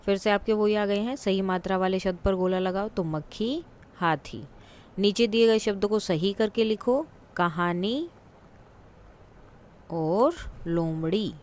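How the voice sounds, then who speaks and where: A woman teacher explaining a worksheet in a patient way, repeating words slowly for her students. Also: medium pitch, darkish tone.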